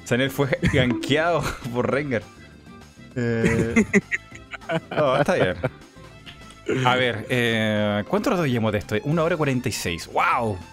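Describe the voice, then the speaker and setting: A man from Chile hosting a live stream, easygoing and speaking clearly, with faint music in the background. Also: medium pitch, a little slow, pauses often, fairly bright tone. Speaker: streamer and podcast host. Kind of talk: casual live-stream chat.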